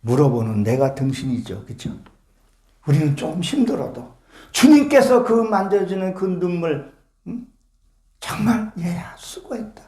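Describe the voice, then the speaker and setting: A man's voice: fairly high pitch, lively intonation, measured pace, warm tone, echoey room. A male pastor preaching a sermon to his congregation, fervent and full of rhetorical questions. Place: church sanctuary with congregation.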